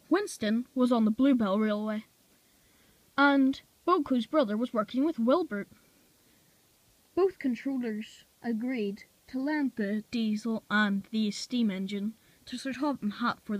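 A woman reads a homemade toy-train story aloud, slow and unhurried. Her voice sits on the higher side, and the reading is plain with the odd slip. The recording is dry and close. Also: no room sound. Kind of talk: amateur reading of a fan story.

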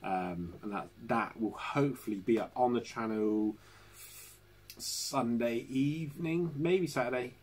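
A man's voice: mid-range voice, measured pace, a little mellow, breathy edge. A man hosting a casual live stream from home, chatty and laughing often as he talks to viewers. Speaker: channel host. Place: home living room.

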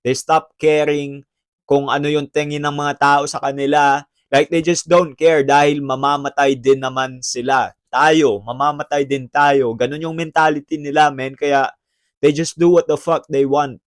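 A man's voice: a little high, level tone, unhurried. Brash guy giving advice. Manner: brash, emphatic, preachy bro-talk with swearing. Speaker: self-help vlogger. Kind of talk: motivational advice talk, mixing Tagalog and English.

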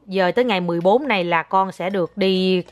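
A woman's voice: mid-range voice, quick pace, crowd noise. A woman talking casually with her young child as a mother, patient and coaxing, repeating herself and slipping into English now and then.

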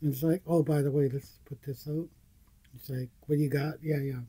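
Husky, laid-back man co-hosting. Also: a little high, fairly even intonation, moderate pace, mellow, no room sound. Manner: laid-back, loose and rambling. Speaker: reaction video co-host. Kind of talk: casual reaction chat. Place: small indoor room with posters.

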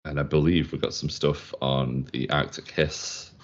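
Very deep-voiced hesitant man. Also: little pitch movement, measured pace. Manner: hesitant, many ums, friendly. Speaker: community stream host. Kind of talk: casual livestream chat. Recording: dull lo-fi stream audio.

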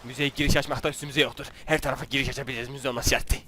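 A man's voice: mid-range voice, little pitch movement, racing, pushed and bright, a little hiss or hum. A young man giving casual, jokey commentary while playing a video game, teasing the characters on screen. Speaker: gaming YouTuber. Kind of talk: casual Let's Play commentary.

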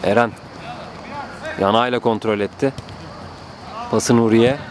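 A man doing live play-by-play football commentary, excitable, with calls that rise to drawn-out screams at goals. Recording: noisy outdoor pitch, background ambience.

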